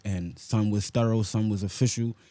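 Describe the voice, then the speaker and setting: A rapper from the South Bronx, New York, talks casually in an interview with a New York accent, packing in street slang and frequent "you know what I'm saying" tags. His lowish voice is mellow, fairly even and moderately paced, with no room sound.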